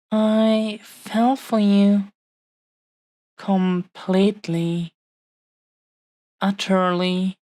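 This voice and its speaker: In a romantic audio roleplay, a woman voices a tender, possessive dragon woman in love, delivering an intimate scripted monologue. Her medium-pitched, darkish voice is heartfelt and earnest, halting with pauses between short phrases.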